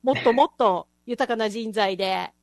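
A woman's voice: fairly high pitch, moderate pace, no echo, studio quality. A woman hosting a casual chat show, talking enthusiastically and laughing often. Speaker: host.

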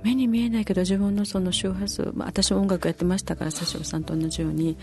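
Chatty woman with a low voice. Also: fast. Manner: chatty, many fillers, pitch jumps when animated. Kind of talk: casual conversation. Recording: faint music behind.

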